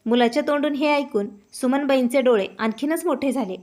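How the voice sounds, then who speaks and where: High-voiced woman telling a story. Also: brisk. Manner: steady storytelling. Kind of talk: scripted narration.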